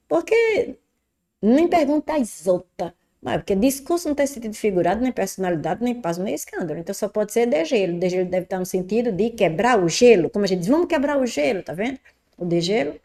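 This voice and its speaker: A woman from Brazil, a Portuguese teacher correcting an exam, chatty and lively, asking and answering her own questions. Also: a little high.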